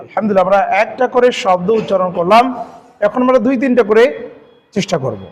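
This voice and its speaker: A man's voice: high voice, fast. A man teaching Quran recitation, dictating syllable by syllable and chanting the verse for a student to repeat. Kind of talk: recitation lesson.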